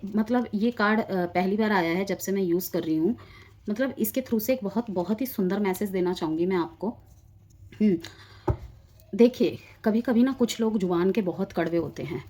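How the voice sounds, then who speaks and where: Woman tarot reader, low voice, talks straight to viewers, explains each card. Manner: explanatory, addresses viewers directly, drifts between Hindi and English. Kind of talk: collective tarot reading.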